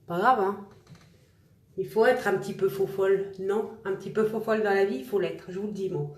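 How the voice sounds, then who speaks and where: A woman's voice: mid-range voice, a little fast, a little mellow, roomy sound. A woman chatting casually with viewers while she demonstrates a makeup look, joking about herself as she works. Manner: chatty, self-mocking, talks to viewers while applying makeup. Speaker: makeup vlogger. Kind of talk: casual makeup tutorial livestream.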